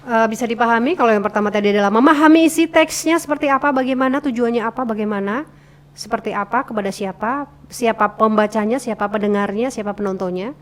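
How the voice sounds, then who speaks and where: A woman's voice: fairly high pitch, a bit bright. A woman teaching how to read news and narration aloud. She reads passages herself and repeats key words to show stress and intonation. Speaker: radio broadcasting instructor. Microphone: close desk microphone she adjusts.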